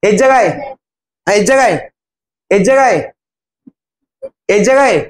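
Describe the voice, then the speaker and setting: Young male teacher, very high voice, coaxing students through drills; echoey classroom. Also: moderate pace, a little hiss or hum. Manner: prompting students by name, repeating words. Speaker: English teacher. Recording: echoey classroom, faint ambience.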